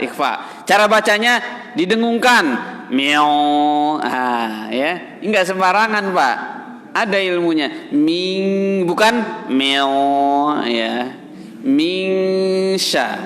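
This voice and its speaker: A man teaching Quran recitation in a mosque, patiently correcting students and chanting verses slowly. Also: sits high, bright, forceful tone. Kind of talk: tajwid lesson in a mosque. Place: mosque hall. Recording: reverberant mosque hall.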